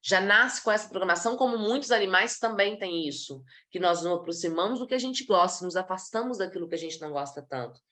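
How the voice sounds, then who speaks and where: A Brazilian woman delivers a live online talk on body language to professionals, acting out little scenes to illustrate her points. She's lively and demonstrative, speaking quickly in a mid-range voice with few pauses.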